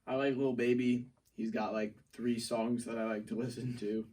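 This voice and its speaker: A man's voice: medium pitch, normal speed, husky, recorded from a distance. A young man co-hosting a student podcast, joking in slangy casual talk. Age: young adult. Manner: joking, slangy, bursts of excitement. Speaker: co-host. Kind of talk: casual chat.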